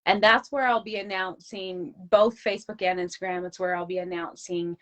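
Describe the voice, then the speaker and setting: A woman's voice: on the low side, steady tone, moderate pace, a bit bright. Earnest woman guest in her forties. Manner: earnest, heartfelt, talks about faith. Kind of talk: casual interview chat.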